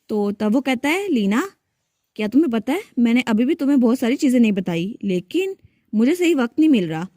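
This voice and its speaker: A woman's voice: on the high side, darkish tone, dry recording, studio quality. A woman retelling a comic story, narrating plainly and voicing every character in her own voice.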